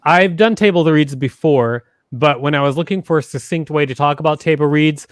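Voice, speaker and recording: A middle-aged male podcast host talks through instructional material conversationally, rephrasing points as he goes. His voice is fairly high, quick, clear and resonant, captured on a close studio mic with a foam windscreen while he wears a headset, with clean sound and no room ambience.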